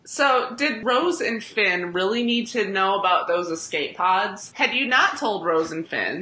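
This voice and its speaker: A woman's voice: mid-range voice, bright, forceful tone, roomy sound, slight background noise, low-quality recording. A woman putting pointed questions in a casual comic mock interview. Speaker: panel questioner.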